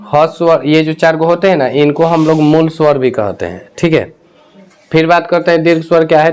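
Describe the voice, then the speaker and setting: A male tutor leads a coaching class, his voice sitting a little high. He explains patiently in an informal way, repeats each definition and keeps checking that his students follow. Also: a little mellow. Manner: repeats key definitions, checks in with "theek hai". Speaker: Hindi grammar teacher. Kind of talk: classroom lesson at a board.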